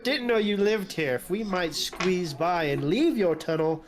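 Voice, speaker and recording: Man playing a courteous, apologetic adventurer, higher voice. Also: expressive, unhurried, noisy background. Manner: courteous, apologetic, plain simple phrasing. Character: polite, halting adventurer negotiating in simple giant-speak. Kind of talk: in-character tabletop role-play.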